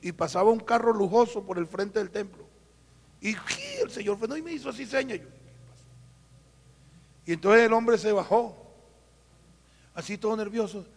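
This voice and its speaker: A Colombian man preaching as a pastor, telling a story with acted-out dialogue and dropping to a hush for quoted voices. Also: very high voice. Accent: Colombian Spanish. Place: church. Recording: live church recording, long hall reverb.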